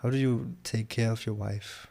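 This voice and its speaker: A man's voice: mid-range voice, steady tone, moderate pace, vocal fry, mellow. A man hosting a therapy-style interview, asking probing questions while searching for words with many fillers. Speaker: podcast host and interviewer.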